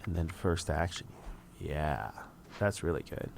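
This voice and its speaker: A man with a deep, gravelly voice talks his way through a strategy game. He thinks aloud at a relaxed pace and drops dry, wry asides. A faint hiss sits under the recording. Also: unhurried. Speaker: let's play host. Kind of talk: casual gameplay commentary.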